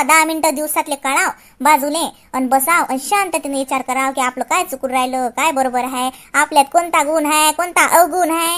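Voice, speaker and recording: A woman's voice: sits high, fairly bright tone. A woman playing a chatty, self-pitying old village grandmother, rambling, preaching and complaining in sing-song exclamations. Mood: musing. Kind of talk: comic sketch acting.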